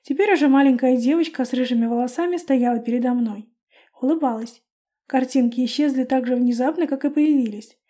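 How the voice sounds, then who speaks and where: A woman calmly narrating a first-person audiobook. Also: sits high, a little fast.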